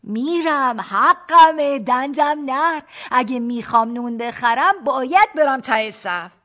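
A woman's voice: high-pitched, lively intonation, fairly bright tone, voice pushed up. A woman doing a playful baby-talking husband. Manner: teasing, sing-song childlike tone. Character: playful young husband using baby talk.

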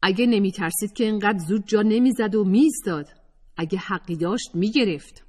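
A woman's voice: mid-range voice, a little mellow, in a large hall, pitched above the performer's own voice, close to an everyday voice. A woman narrator voicing an outspoken young woman student activist who speaks firmly and assertively. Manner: firm and assertive.

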